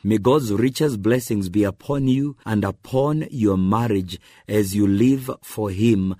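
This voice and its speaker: Slow earnest man giving a radio devotional. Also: lowish voice, dark tone, no room sound, studio quality. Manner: slow, earnest, addresses the listener directly.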